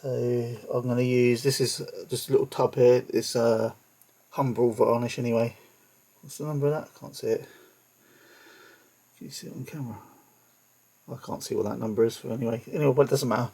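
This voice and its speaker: A hobbyist toy customizer chats his way through a figure-painting tutorial at his workbench, muttering to himself while he works and holding his breath over the fiddly parts. His medium-pitched voice is steady, dark and slightly rough, with creaks, a somewhat quick pace and long pauses.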